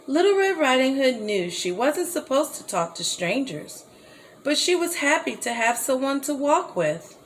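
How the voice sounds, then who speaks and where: A woman reading a children's story aloud as a storybook reader, slow and gently expressive. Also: sits high, slight background noise, low-quality recording.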